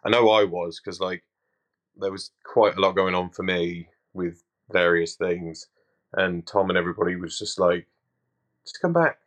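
A man's voice: low voice, level tone, moderate pace. A man on a robot-fighting team, rambling reflectively with many fillers in casual podcast chat. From United Kingdom.

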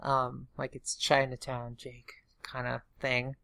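Low-voiced woman, slightly sore-mouthed, halting chat. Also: monotone, vocal fry, a bit bright, no echo. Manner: halting, self-deprecating. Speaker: vlogger recounting surgery recovery. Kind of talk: casual chat, personal video diary.

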